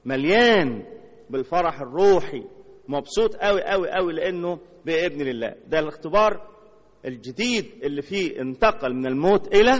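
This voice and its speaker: A man's voice: fairly high pitch, big-room sound. A man with an Egyptian accent preaching a sermon, repeating phrases and answering his own rhetorical questions. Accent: Egyptian Arabic. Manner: rhetorical questions, heavy repetition.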